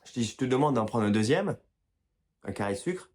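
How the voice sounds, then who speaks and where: A man's voice: medium pitch, animated, fairly quick, darkish tone. A man giving casual health advice to his viewers, talking informally and directly to them, often restarting his sentences. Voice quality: apologizes for his own pronunciation. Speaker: health and wellness video creator. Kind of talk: casual explanatory talk to camera.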